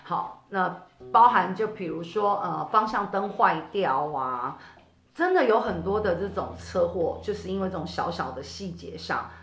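A woman co-hosting a casual chat, animated and laughing often as she coaxes listeners. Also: lowish voice, normal speed. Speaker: co-host. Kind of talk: casual chat about zodiac fortunes. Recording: echoey room with faint music.

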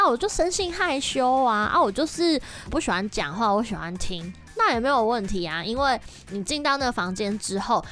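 A young woman, hosting a casual podcast and telling stories in a lively, chatty way. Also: mid-range voice. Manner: lively, chatty, animated storytelling. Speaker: podcast host.

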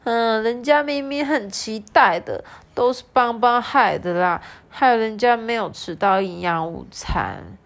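A woman's voice: a little high, very animated, a little slow, vocal fry, hardly any pauses, voice pushed up, exaggerated voice. A woman voicing a weepy little girl dinosaur in a storybook, whiny and sulky.

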